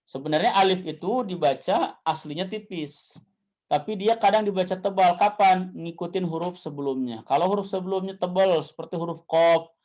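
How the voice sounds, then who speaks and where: A man with an Indonesian accent teaching Quran recitation, chanting Arabic verses slowly and then explaining them, asking questions and answering them himself. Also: high voice, darkish tone. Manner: repeats key points and asks himself questions. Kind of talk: classroom lesson on Quran recitation. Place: classroom with a whiteboard.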